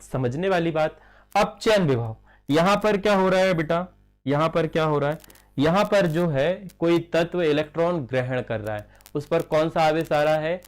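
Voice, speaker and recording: A man teaching a chemistry class, who asks questions and answers them himself, repeats key terms and slips in English phrases. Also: a little high. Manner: dictates slowly while writing. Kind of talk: classroom lecture.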